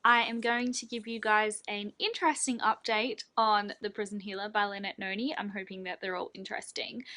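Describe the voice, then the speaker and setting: Chatty woman with a bright voice. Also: medium pitch. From Australia. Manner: chatty, gushing, many fillers. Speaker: book vlogger. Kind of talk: casual reading vlog.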